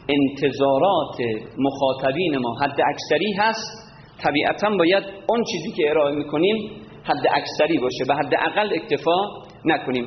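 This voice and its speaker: A man teaching prayer recitation, lecturing and demonstrating verses with slow chanting. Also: on the high side. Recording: roomy hall, dull lo-fi sound, faint background hum.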